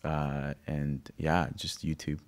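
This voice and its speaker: A man in his thirties, born in Greece, speaking reflectively with halting restarts as a musician guest interviewed in a recording studio. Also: extremely low pitch, monotone. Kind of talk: conversational interview. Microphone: studio condenser mic on stand.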